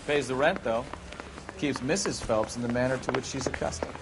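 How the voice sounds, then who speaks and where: A man's voice: mid-range voice, fairly quick, natural voice. A man playing a wry, teasing detective partner in a video game. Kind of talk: crime drama video game acting. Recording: loud outdoor street noise.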